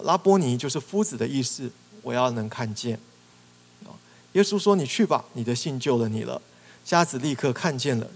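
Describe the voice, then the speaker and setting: Animated pastor preaching in a reverberant hall. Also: male voice, mid-range voice. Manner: animated, acting out prayers and cries with rising emphasis. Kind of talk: sermon. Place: church hall.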